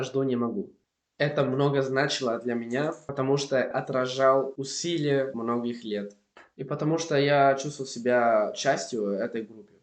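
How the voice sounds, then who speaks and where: A young Spanish man, a language-learning vlogger, talks casually to the camera in Russian, which he is still learning. His mid-range voice carries a Spanish accent and sounds reverberant, and his tone is earnest and encouraging.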